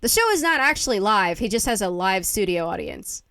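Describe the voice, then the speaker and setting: A woman's voice: mid-range voice, very animated, a little fast, fairly bright tone, smooth, no echo. A woman co-hosting a podcast in casual chat, talking in a chatty, laughing way full of filler words. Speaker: podcast co-host.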